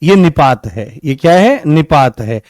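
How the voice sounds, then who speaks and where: A man's voice: fairly high pitch, very animated, a little slow, darkish tone, dry recording, clean studio sound. A man teaching an online grammar class, repeating key words and asking and answering his own questions.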